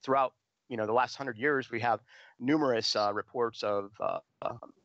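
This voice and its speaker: A man talks with a bright, forceful tone through a video call that keeps breaking up into choppy fragments. His speech is halting and full of fillers, and the sound is dull, lo-fi and dry. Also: mid-range voice, fairly even intonation, no echo. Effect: choppy breaking-up video call audio. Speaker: guest on a livestreamed panel. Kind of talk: casual discussion over a video call.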